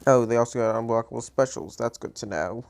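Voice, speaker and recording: A man at a mid pitch talks over his gameplay in a loose, rambling way. He sounds a bit tired and often trails off or restarts his sentences. It is plain, unscripted commentary into a home microphone. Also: fast, gravelly, a little mellow. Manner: rambling, chatty, self-correcting. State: a little tired. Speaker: gaming channel host.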